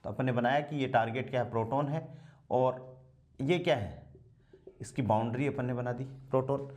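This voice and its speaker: A man teaching a physics class, asking rhetorical questions and answering them himself, and slowing down to dictate while he writes. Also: a little high, a little mellow. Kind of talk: blackboard lecture.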